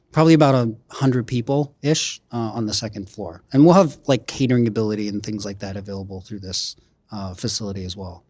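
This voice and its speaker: A man's voice: lowish voice, darkish tone, no echo. A man from a restaurant group explaining plans in a conversational interview, often tagging his points with "right?". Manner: explanatory, frequent "right?" tags.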